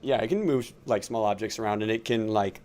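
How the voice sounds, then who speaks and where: A man's voice: lowish voice, a little fast, a little mellow. A man running a tabletop game as game master, talking casually with lots of fillers and laughs. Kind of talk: narrating a tabletop game on a livestream.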